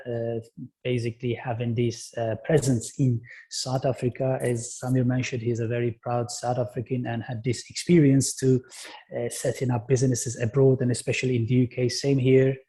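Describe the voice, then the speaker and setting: Guy, polite n formal, pretty flat mellow voice, video call from an office. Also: mid-range voice, rough recording. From Turkey. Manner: polite, formal, slightly broken phrasing. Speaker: company director, webinar speaker. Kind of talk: online business webinar talk. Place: London office.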